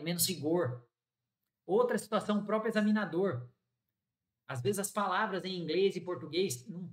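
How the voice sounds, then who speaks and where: A man, an orthodontist, giving a live lecture to an audience, lively and talking straight to the listeners, acting out bits of patient dialogue. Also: on the high side. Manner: animated, acts out patient dialogue, addresses audience as "gente". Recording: echoey room.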